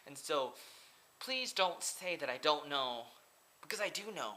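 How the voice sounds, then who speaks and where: A twenty-something vlogger and English teacher from Oregon, USA, speaks earnestly and casually to a close-up laptop webcam in a small room, his higher-leaning voice animated and sharp at a measured pace. He rambles along, repeating points and peppering in "like."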